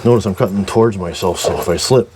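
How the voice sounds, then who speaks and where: A man's voice: sits low, quick pace. A man narrating casually while wrestling with a boat engine, grumbling wryly to himself and strained from the cramped spot. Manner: grumbling, wry, talks to himself while working. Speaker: DIY mechanic vlogger. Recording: noisy workshop recording.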